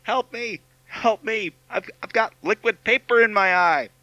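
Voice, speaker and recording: A man's voice: fairly high pitch, very animated, normal speed, bright, forceful tone, no room sound, dull audio. A man playing a panicky, hapless cartoonist in a spoof commercial, stammering and whiny. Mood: panicked. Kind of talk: comedy sketch spoof commercial.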